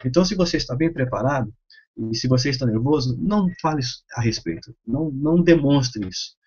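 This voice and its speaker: A man, a pastor, teaching a course on preaching with a Brazilian Portuguese accent, giving measured advice with frequent hesitations. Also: mid-range voice, animated, darkish tone, slightly rough. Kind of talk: instructional talk. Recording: slightly dull, lo-fi sound.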